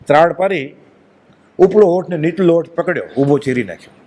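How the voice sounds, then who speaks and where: A man's voice: a little high, expressive, fairly quick, a little mellow. A man giving a devotional discourse, speaking emphatically and asking many rhetorical questions. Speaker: religious speaker.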